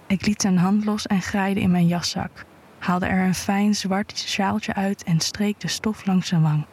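A woman reading an intimate erotic story aloud in a hushed voice that often drops to a whisper. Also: on the low side, slightly rough. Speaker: narrator.

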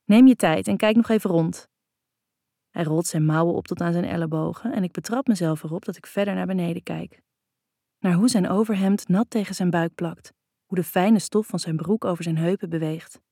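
A woman reading a first-person audiobook in a soft, even, intimate manner. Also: on the low side, a little fast, husky, no echo, clean studio sound. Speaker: audiobook narrator. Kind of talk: first-person scripted narration.

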